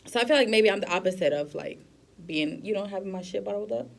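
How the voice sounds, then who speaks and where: Woman, podcast guest, casual chat, candid and profane, laughs often, mid pitch. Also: fast, vocal fry.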